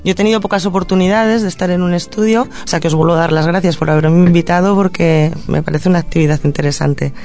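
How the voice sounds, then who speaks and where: A woman from Madrid, a social educator and puppeteer, answering questions as a guest in a radio studio in an earnest, reflective way, pausing to gather her thoughts. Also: on the low side, steady tone, a little mellow. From Madrid, Spain.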